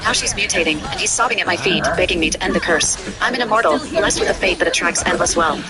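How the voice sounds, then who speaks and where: A woman narrating a dark first-person story in a brisk, flat scripted read. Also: on the low side. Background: loud background music.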